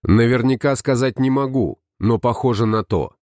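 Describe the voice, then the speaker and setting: A man's voice: mid-range voice, normal speed, darkish tone, dry recording, studio quality, close to an everyday voice. A man reading an audiobook, voicing a grim, red-haired wandering herbalist who speaks tersely. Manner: terse, curt.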